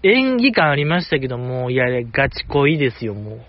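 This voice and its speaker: A very animated man with a medium-pitched voice talks briskly on his casual solo podcast, and the muffled recording has no room sound. He rambles like an excited fan and cracks gentle jokes at his own expense.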